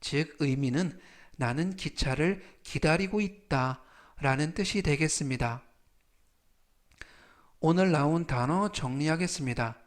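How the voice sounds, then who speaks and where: Slow, patient male English teacher. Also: on the high side. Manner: slow, patient, repeats each word three times. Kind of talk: slow explanatory lesson.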